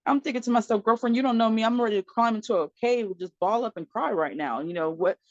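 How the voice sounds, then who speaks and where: Animated woman telling a story, dry lo-fi sound. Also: a little high, fast talker, dry recording. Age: adult mother of four. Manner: animated storyteller acting out quoted dialogue; frequent laughter and fillers. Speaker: podcast guest. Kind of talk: personal storytelling in conversation.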